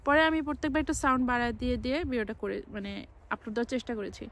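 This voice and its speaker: A woman's voice: on the high side, very fast, a bit bright. A woman from Bangladesh, a travel vlogger, chatting casually to camera from a clifftop by the sea, often repeating and restarting her words. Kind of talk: casual vlog talk to camera.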